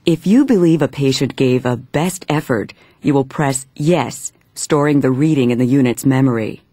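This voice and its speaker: A man reading scripted instructional narration in a measured, step-by-step manner. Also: mid-range voice, dark tone, no room sound.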